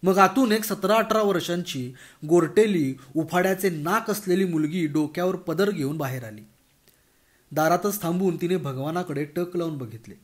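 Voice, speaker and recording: A man reading a humorous story aloud in a lively, expressive narrating voice. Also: sits high, moderate pace.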